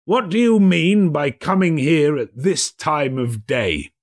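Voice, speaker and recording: A man's voice: on the high side, expressive, slow, voice pushed up. A man voicing an old reformed miser in a storybook, hearty and emphatic, with playful sternness. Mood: mock stern. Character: old reformed miser, hearty, jubilant, mock-gruff employer. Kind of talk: dramatic storybook character reading.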